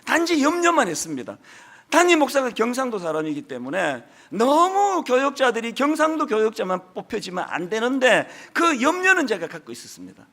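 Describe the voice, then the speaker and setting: A man's voice: extremely high pitch, huge pitch swings, fairly quick. A middle-aged man with a strong Gyeongsang accent, preaching a Sunday sermon as senior pastor in an emphatic way, with folksy asides. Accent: Gyeongsang Korean. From Gyeongsang region, South Korea. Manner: emphatic, rising to forceful peaks, folksy asides.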